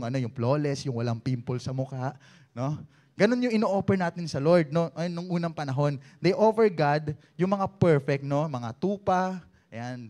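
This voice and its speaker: A man's voice: fairly high pitch, darkish tone. A young man with a Filipino accent preaching a Sunday sermon in a chatty way, often asking "no?" and prompting the congregation.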